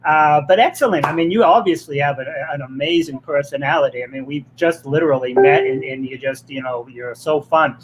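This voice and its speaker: A man's voice: fairly high pitch, brisk, hardly any pauses, very noisy. A man with a Boston accent hosting a live online interview, chatty and joking, often tagging on "right?". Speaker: host.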